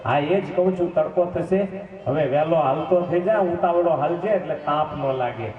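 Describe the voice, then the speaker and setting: A male preacher voicing a kind, gentle divine king who speaks in a friendly, coaxing, teasing way. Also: a little high, normal speed, close to an everyday voice. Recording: echoey hall, distant mic, dull sound, faint music.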